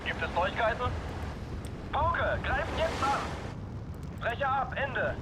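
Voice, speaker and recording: A man's voice: very high-pitched, big pitch swings, slow, very noisy, heavily acted. A man voicing a German ground-attack pilot, calling in clipped orders over military radio chatter, heard in game audio over gunfire. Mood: clipped, urgent. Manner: clipped, loud radio callouts.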